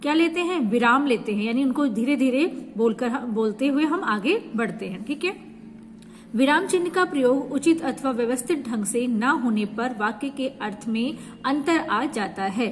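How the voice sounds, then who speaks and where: A woman's voice: high-pitched, lively intonation, normal speed. A woman teacher explaining a grammar lesson to students, asking herself questions and answering them as she goes. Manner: explains step by step with repeated rhetorical questions. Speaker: school teacher. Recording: echoey room with faint background hiss.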